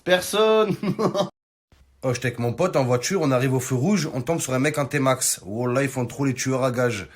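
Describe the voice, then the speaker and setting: A man's voice: medium pitch, normal speed. A man doing a casual comic rant to his followers, slangy, teasing and exclamatory. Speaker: social media comedian.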